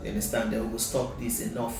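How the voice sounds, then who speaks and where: A Nigerian man with a mid-pitched voice gives conversational interview answers in a mix of Pidgin and English. He often checks that he is understood. He sounds away from the mic in a very echoey, noisy space. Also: flat delivery, fast talker, recorded from a distance. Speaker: company CEO, interview guest.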